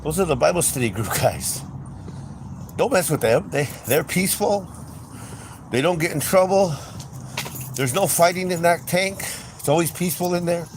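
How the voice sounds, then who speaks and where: A man's voice: on the high side, animated, normal speed, long pauses, a little hiss or hum, voice pushed up. A man voicing a jail guard who earnestly warns another guard to leave a group alone. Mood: insistent. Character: calm male jail guard giving a warning.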